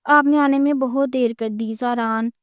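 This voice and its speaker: A woman's voice: high-pitched, fairly even intonation, clean tone, dry recording, clean studio sound, natural voice. A woman voicing a tearful, anxious young wife in a romance story, pleading.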